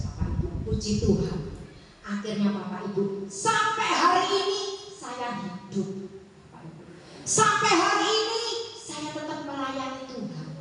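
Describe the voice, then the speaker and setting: A woman's voice: high-pitched, a little hiss or hum. Older woman preaching, echoey far hall. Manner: addresses listeners constantly, swings from loud to hushed. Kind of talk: sermon with personal testimony. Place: prayer meeting hall.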